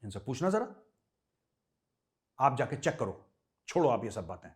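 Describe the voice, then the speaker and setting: A man's voice: medium pitch, big pitch swings, moderate pace, a little mellow. A middle-aged man from India hosting a political commentary show, talking emphatically and with scorn, full of rhetorical questions. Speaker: host.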